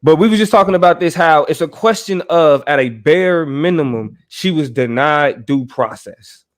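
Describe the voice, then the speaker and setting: Male host, slightly high voice, conversational, lots of "right?", casual debate chat. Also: animated, normal speed. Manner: conversational, filled with "right?" and "you know what I mean". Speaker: show host.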